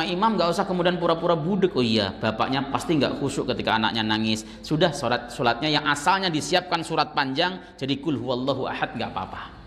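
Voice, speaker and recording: A middle-aged Islamic teacher with a mid-range, slightly bright voice gives a conversational study lecture in a mosque, where the sound carries like a big room. He throws in teasing asides and chants verses to demonstrate.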